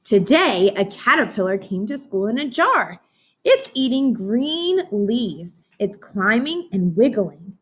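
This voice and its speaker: A woman reads aloud interactively to young children, teaching and encouraging them and often posing questions. Her voice is husky and on the high side, with big swings in pitch, and she speaks slowly.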